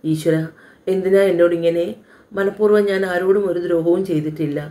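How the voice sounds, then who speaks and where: A woman voicing a young grieving widow who speaks softly and sorrowfully in an audio storybook. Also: on the low side, fairly even intonation, a little fast, close to an everyday voice.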